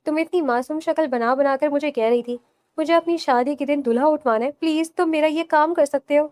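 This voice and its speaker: Unflappable teasing young husband in a storybook, relaxed amused delivery, read by a woman, dry close mic. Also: high voice, no room sound, natural voice. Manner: calm, teasing.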